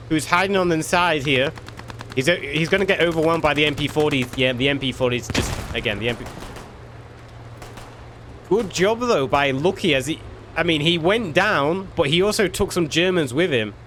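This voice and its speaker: A man's voice: fairly high pitch, animated, normal speed, slight background noise. A man giving laid-back, chatty commentary on a multiplayer war game, swearing now and then. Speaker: gameplay commentator. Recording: loud game gunfire and vehicles behind.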